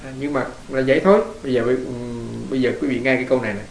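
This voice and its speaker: In an echoey room with faint hiss, a male Buddhist monk tells stories and poses questions to his audience during a casual dharma talk. He speaks quickly in a steady, gravelly mid-range voice.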